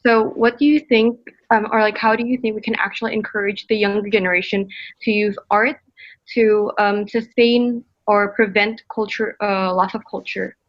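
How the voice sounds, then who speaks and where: Teen girl from indonesia asking a question, lots of ums, flat dry muffled sound. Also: mid-range voice, normal speed, no room sound. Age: teens. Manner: hesitant, many fillers. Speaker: audience member asking question. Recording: dull dry audio.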